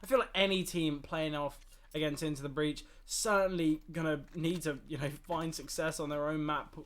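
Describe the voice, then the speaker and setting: A man casting a live esports match, rambling in analysis and bursting with excitement on big plays. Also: on the high side, normal speed. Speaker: esports caster. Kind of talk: live play-by-play commentary.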